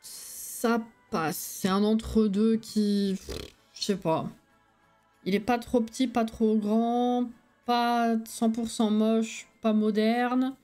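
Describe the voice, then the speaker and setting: Over background music, a weary woman gives relaxed, colloquial live-stream commentary, musing aloud. She has a lisp with slushy s sounds, and her slightly high, mellow voice moves slowly with fairly even intonation.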